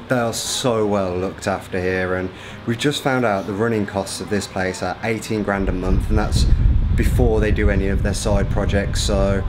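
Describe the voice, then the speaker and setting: Brief: young male travel vlogger, lowish voice, relaxed chatty delivery, noisy background. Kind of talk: casual vlog chat.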